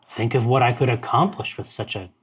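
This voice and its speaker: A man voicing a young male tentacle familiar from a tabletop game, who speaks in a slow, formal, ominous way. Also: medium pitch, slightly rough. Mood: hungry.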